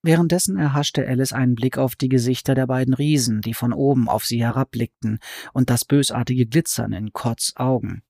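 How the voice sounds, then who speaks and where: A man narrates a fantasy novel with a measured, expressive reading. His voice sits in the middle of the male range. The recording is dry and close, with no room sound. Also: mid-range voice, gravelly, no room sound. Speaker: audiobook narrator. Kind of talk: scripted narration.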